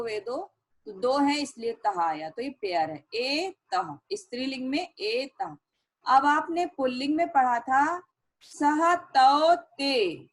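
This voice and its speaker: A woman teacher explaining a language lesson, reading each sentence and then repeating its meaning slowly and clearly. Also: high-pitched, low-quality recording. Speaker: Sanskrit teacher.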